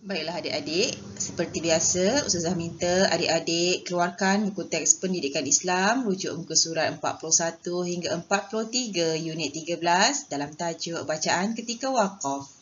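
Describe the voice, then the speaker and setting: A woman teaching Islamic studies to young pupils, measured and patient, slowing down to recite Arabic examples. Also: fairly low pitch. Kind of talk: recorded lesson for young pupils. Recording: dull lo-fi audio with faint noise.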